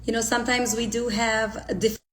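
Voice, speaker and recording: A woman's voice: on the high side, little pitch movement, brisk, slight background noise, low-quality recording. A woman hosting a live online interview show on a video call, welcoming her guest in an eager, upbeat way. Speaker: host of a live business show.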